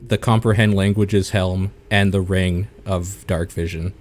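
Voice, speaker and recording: A man with a fairly low voice plays in a tabletop game. He talks casually in short, halting bursts as he works out what his character does. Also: fairly even intonation, darkish tone. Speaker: player.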